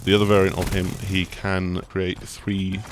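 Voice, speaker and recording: A man explaining a video game in a relaxed, rambling co-host chat, full of fillers and restarts. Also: deep voice, moderate pace, slight background noise. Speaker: games journalist co-host. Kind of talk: casual gaming discussion.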